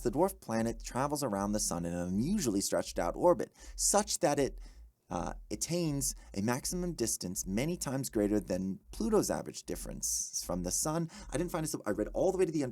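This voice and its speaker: A man works practice test questions out loud in a dry, close room. His voice sits low with some gravel, but his pitch swings widely as he catches mistakes, corrects himself, and cheers his own answers. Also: dry recording. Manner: animated, self-correcting, quick asides and exclamations. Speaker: test-prep tutor. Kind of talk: thinking aloud while working practice questions.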